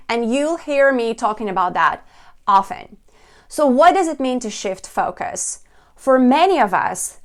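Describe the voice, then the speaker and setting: A woman with a somewhat high voice gives an instructional talk in the role of a speaking coach. She phrases things deliberately and speaks straight to the listener in an encouraging way.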